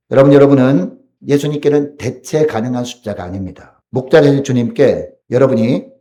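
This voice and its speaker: A young male preacher delivers a sermon and then a closing prayer. He speaks to the congregation directly, posing question after question. His voice is mellow and dark in tone. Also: mid-range voice. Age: young adult. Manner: addresses the congregation with many rhetorical questions.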